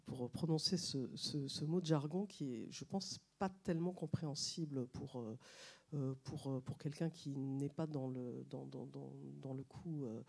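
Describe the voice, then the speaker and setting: A woman journalist speaking on stage to a live audience, hesitant with many fillers and restarts, but lively and joking. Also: very deep voice, measured pace, vocal fry, slightly rough. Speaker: journalist and author on a panel. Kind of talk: public talk to a live audience. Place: stage at a public science event.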